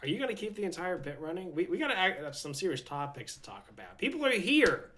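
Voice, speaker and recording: Giggly podcast co-host man, lively voice. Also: high-pitched, fast. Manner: giggly, jokey. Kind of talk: casual chat.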